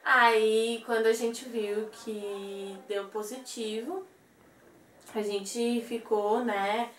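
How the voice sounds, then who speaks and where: Young woman, interview guest, animated storytelling, roomy echo, distant mic. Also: a little high, extremely slow, slight background noise. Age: young adult. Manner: animated, acts out quoted voices. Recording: echoey room, voice from a distance.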